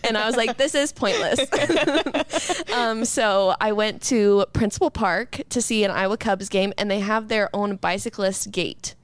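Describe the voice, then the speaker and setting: A young woman co-hosts a podcast in a loud, excited chatty way, often breaking into laughs. Her voice is smooth and clear, close to the mic with a dry sound. She talks with lots of energy. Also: medium pitch, normal speed, few pauses, no room sound. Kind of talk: casual chat.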